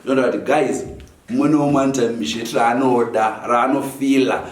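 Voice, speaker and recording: A man's voice: mid-range voice, fairly even intonation, normal speed. A man with a Zimbabwean accent hosting satirical news banter in a mock-serious way, switching between two languages. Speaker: comedy show host. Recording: roomy echo, distant microphone.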